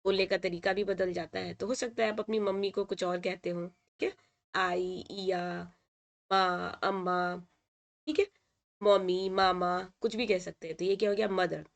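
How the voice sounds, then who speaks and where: A woman teacher talks through a lesson at an even, medium pitch. She repeats each word slowly and checks in often with short confirmations. Her manner is patient and steady. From India. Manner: patient, repeats words and says "ठीक है" often. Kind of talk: explaining a textbook lesson in Hindi.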